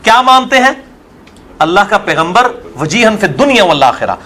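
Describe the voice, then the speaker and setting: A man's voice: high-pitched, big pitch swings, moderate pace, pushed and bright. A man, a religious scholar arguing his view in an interview and asking rhetorical questions. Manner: argumentative, full of rhetorical questions.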